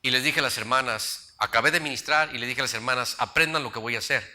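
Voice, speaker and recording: Middle-aged preacher with a very bright tone, animated storyteller. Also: male voice, medium pitch, fast talker. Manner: storytelling preacher, acts out voices in his anecdotes. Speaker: pastor. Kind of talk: sermon.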